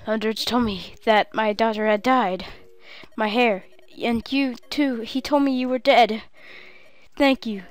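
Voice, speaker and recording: A woman reading out a proud, remorseful old grandfather lord from a game, in a hushed, subdued voice. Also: on the high side, steady tone, unhurried, no echo, close to an everyday voice. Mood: sorrowful. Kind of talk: reading game dialogue aloud.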